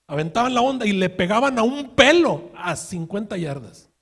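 A male pastor preaches in a husky, fairly high voice. He tells the story with vivid acted-out quotes and rhetorical questions to the congregation. His delivery swings between hushed asides and loud, forceful bursts. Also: very animated, normal speed. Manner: shifts from quiet asides to loud shouted outbursts. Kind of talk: sermon.

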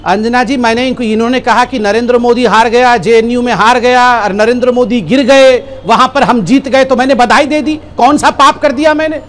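A man on a TV news debate panel, answering with a mocking, placating sarcasm while others shout. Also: very high-pitched, fairly even intonation, moderate pace, hardly any pauses, a little hiss or hum. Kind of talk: heated TV debate argument.

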